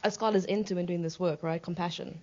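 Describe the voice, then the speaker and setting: Woman host steering a panel, even and measured, dull recording. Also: fairly low pitch, slight background noise. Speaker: panel moderator. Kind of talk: moderating a workshop panel.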